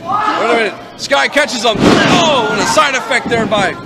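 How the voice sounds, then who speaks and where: A man calling live pro wrestling play-by-play as an excitable announcer who exclaims at the big moves. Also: very high-pitched, moderate pace. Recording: loud crowd noise behind commentary. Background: wrestling crowd.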